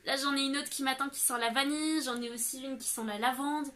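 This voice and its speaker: A young woman from France answers her viewers' questions in a loose, chatty vlog. Her voice is bright and a little high, and she fills her talk with small hesitations. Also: steady tone, a little fast. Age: young adult. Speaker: vlogger. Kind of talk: casual Q&A vlog.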